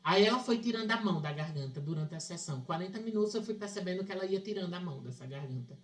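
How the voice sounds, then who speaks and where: A man's voice: sits high, expressive, rapid-fire. A man teaching psychoanalysis to a class, explaining ideas through a case from his practice and often checking that his listeners follow. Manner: explanatory, checks understanding with questions. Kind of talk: teaching with a clinical anecdote.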